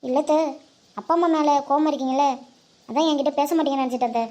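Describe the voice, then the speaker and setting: Someone doing a squeaky quick shy young niece, nervous pleading. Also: fairly even intonation, dark tone, natural voice. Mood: anxious. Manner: anxious, pleading. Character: timid young village niece.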